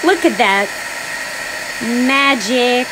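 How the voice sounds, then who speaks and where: Hosting a casual card-making livestream from her craft desk, a Serbian woman chats, thinks aloud while she works, and laughs easily. Her fairly high voice draws out words against a noisy background, picked up by an overhead camera on the desk.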